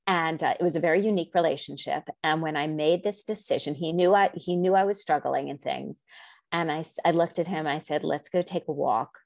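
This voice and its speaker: A woman's voice: fairly quick, creaky, dry recording. A middle-aged woman telling her story in an interview, rambling with asides and acting out the quoted dialogue. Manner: animated, acts out quoted dialogue with big pitch jumps. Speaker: guest.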